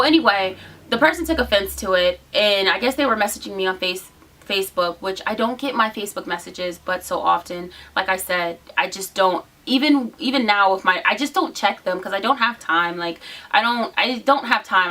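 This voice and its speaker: A woman's voice: medium pitch, normal speed, bright, forceful tone, distant mic, poor audio. A woman talking casually in a personal vlog, emphatic and defensive as she recounts a dispute and quotes what people said. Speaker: vlogger.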